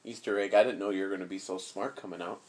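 A man's voice: low-pitched, steady tone, quick pace, a little mellow, slight background noise. A man chatting casually with his child as her father, asking playful, probing questions. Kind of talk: casual chat.

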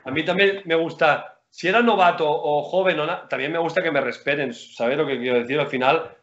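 A man, a basketball player chatting as a guest in an interview, animated, rambling and slangy. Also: a little high, a little fast, a little hiss or hum. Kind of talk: casual interview chat. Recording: roomy, dull lo-fi sound.

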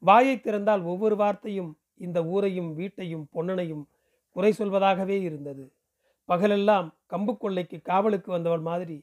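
A man from Puducherry narrating a novel aloud. His voice sits high for a man, and he reads with a steady, expressive pace. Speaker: audiobook reader.

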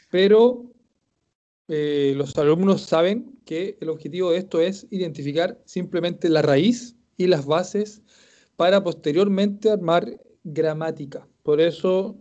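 A man's voice: fairly high pitch, measured pace, dark tone, lo-fi sound. Methodical Chilean man teaching a class. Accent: Chilean Spanish. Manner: methodical, reciting verb forms aloud, self-mocking humor. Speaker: Japanese language teacher. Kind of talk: live-streamed class, correcting homework.

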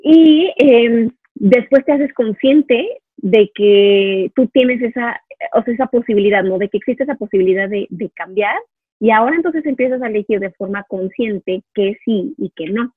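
A woman's voice: on the high side, normal speed, slightly rough, no echo. A woman hosting an interview, reflecting aloud and often tagging her thoughts with a questioning "no". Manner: reflective, thinks aloud, tags phrases with "¿no?". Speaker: podcast host. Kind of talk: casual interview conversation. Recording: tinny phone-line sound, dry.

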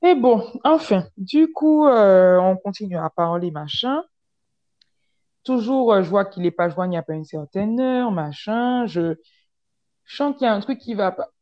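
A woman telling a dating story in casual chat, lively and full of fillers, acting out what people said. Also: medium pitch, a little slow. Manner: animated, acts out quoted lines, many fillers. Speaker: podcast storyteller. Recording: dull lo-fi sound.

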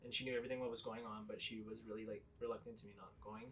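A young man on a casual podcast, quick and agreeable, chiming in often. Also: on the low side, flat delivery.

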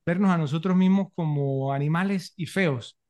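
A man co-hosting a film podcast, chatty and easygoing in his delivery. His voice sits a little higher than most men's. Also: normal speed, darkish tone. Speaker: podcast co-host. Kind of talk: casual film podcast chat.

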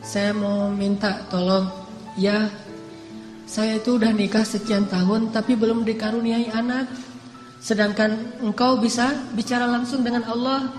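Woman playing an old grandmother, pleading, persistent, echoey hall, soft music. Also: mid-range voice, flat delivery, unhurried, natural voice. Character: elderly childless grandmother, stubbornly hopeful.

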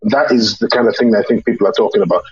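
A man's voice: fairly low pitch, racing, a little mellow, husky. A man posing a question in a casual group discussion, heard through a dull lo-fi recording.

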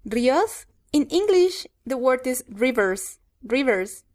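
A woman's voice: high voice, big pitch swings, slow pace, a little mellow. A woman co-hosting a bilingual pronunciation lesson, giving the English word for each prompt and repeating it. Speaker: co-host answering as student.

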